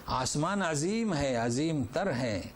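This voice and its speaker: A man teaching a Quran lesson, reciting verses slowly and then explaining them, asking and answering his own questions. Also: on the high side, expressive, slight background noise. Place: lecture hall.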